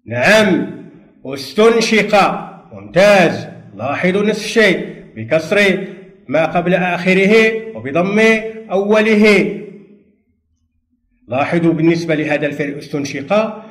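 A man teaching a primary school Arabic grammar lesson for television, speaking patiently and drawing out words, with pauses for pupils to answer. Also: high-pitched, lively intonation, fairly bright tone, reverberant. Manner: patient, slow, drawn-out drilling with pauses for answers. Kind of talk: televised distance-learning lesson.

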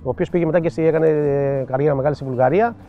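An older man and football coach telling animated anecdotes in an interview, acting out the dialogue he quotes. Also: fairly high pitch. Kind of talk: storytelling interview. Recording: dull lo-fi sound with faint music.

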